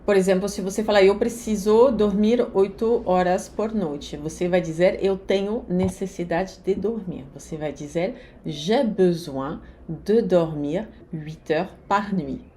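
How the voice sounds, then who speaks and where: A woman teaching a lesson, giving slow, carefully articulated pronunciation drills. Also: mid-range voice, dark tone, slight background noise. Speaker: French teacher. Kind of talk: language lesson.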